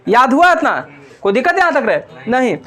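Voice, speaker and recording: A man's voice: very high voice, very animated, brisk, a bit bright. A young man teaches grammar in a classroom. He drills his students, firing questions and repeating their answers back to them.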